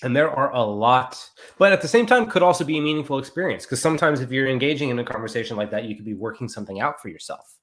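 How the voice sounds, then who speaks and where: A man's voice: mid-range voice, expressive, quick pace, fairly bright tone. A man talking frankly in casual chat, wry and swearing casually.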